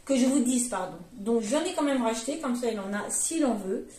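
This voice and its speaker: Expressive and fairly quick, this mother in her forties speaks with a dark tone and a voice on the high side. Her grocery haul vlog is a casual ramble of fillers and self-corrections, captured in an echoey room.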